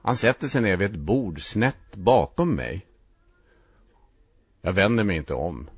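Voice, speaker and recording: A man narrating a first-person story in a reflective, halting way, with short clipped sentences. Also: low voice, sing-song, husky, no room sound.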